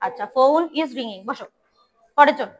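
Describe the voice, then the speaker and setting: A woman runs a pronunciation drill in a classroom, her voice sitting high. She repeats each word several times and corrects her students as she goes. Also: animated, a little slow, rough recording. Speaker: English pronunciation teacher.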